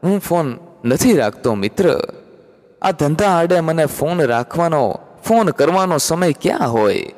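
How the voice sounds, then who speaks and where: Audiobook role: a man voicing a humble laborer, quiet dignity, lively lilt, echoing room. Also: fairly high pitch, a little slow. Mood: modest. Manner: modest, calm. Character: humble, hardworking male rickshaw puller. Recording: long hall reverb.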